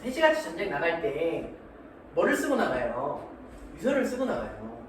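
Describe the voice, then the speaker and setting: Lively, high-voiced male math teacher, jokey and slangy, heard from far off in a roomy classroom. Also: moderate pace, vocal fry. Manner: animated, joking, acts out little scenes; slangy, keeps checking understanding. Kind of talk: classroom lecture. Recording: echoey room from far off, noisy.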